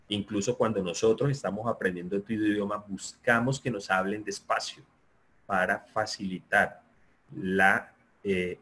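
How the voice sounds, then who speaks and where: A man giving an online lecture, explaining in a steady, repetitive way and often checking that listeners agree. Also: lowish voice. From Colombia. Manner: explanatory, repeats himself, asks listeners for agreement. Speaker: sports psychology lecturer.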